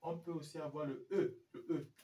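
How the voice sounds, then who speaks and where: A man teaching English pronunciation, saying each example word slowly and then saying it again. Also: fairly high pitch, fairly even intonation, warm tone. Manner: slow, repeats each example word twice. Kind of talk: pronunciation lesson. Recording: echoey room, mic at a distance.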